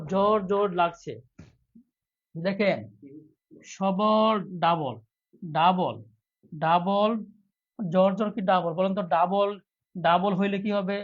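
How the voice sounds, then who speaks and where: In dull audio, a male teacher with a high-pitched voice leads a live online job-exam lesson, quizzing viewers by repeating each question over and over. When he reads their comments aloud, he gets softer.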